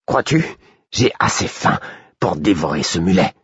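A man's voice: sits low, expressive, measured pace, slightly rough, dry recording, dull audio, full character voice. A man voicing a sly, hungry male wolf who mocks and speaks in another's mind, in an audiobook. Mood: greedy. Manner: mocking, eager.

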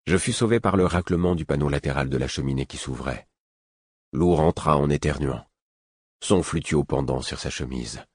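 An audiobook narrator reads a first-person fantasy novel in a very low, husky voice, keeping his delivery measured and even. The recording is close and dry, with no room sound and no echo.

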